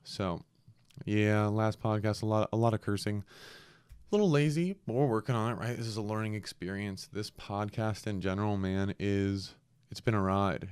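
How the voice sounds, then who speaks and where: A man's voice: lowish voice, a little mellow, smooth, dry recording. A young man hosting a podcast in a casual, reflective solo monologue, earnest and a bit congested and sniffly from a cold. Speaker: podcast host.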